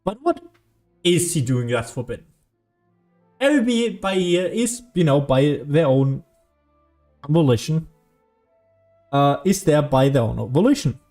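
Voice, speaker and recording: A man's voice: a little high, big pitch swings, unhurried, pauses often, dark tone. A young man giving casual gameplay commentary as a streamer, musing and arguing aloud and swearing casually. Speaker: game streamer. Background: game music.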